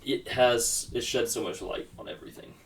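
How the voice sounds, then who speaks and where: A man's voice: medium pitch, moderate pace, vocal fry. A man chatting as a podcast guest, enthusiastic and rambling, often searching for the right word. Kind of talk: casual chat. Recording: distant mic, faint background noise.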